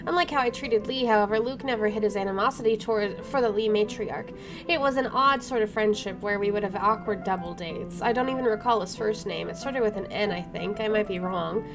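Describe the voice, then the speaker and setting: Game music runs underneath as a woman streamer reads the on-screen text of her let's play aloud, fairly quickly and at medium pitch. She cuts herself off now and then, tossing in dry, casual remarks. The mic is positioned off to one side.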